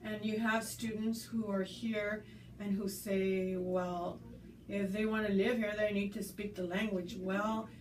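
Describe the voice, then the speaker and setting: Speaking a little slowly, with medium pitch and little pitch movement, a school staffer born in the US is interviewed in a conversational way. She's thoughtful and earnest, using fillers and restarts. A distant mic in a roomy space picks up faint background noise.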